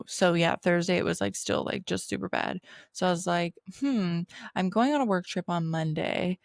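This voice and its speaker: Young woman, podcast host, low-ish voice, gravelly fry, dry close sound, chatty and rambling. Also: dry recording. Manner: chatty, heavy use of "like", laughs while telling stories. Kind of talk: casual storytelling chat.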